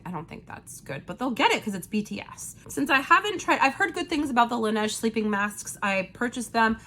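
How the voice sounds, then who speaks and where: A woman with a sick-sounding voice gives a chatty, lively makeup review as a beauty vlogger. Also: fairly high pitch.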